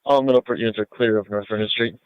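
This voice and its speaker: A man's voice: fairly low pitch, fairly even intonation, fast, smooth, no room sound. Man on a dull scanner radio. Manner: clipped radio codes. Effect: scanner radio transmission. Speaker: emergency unit calling dispatch. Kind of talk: radio dispatch traffic.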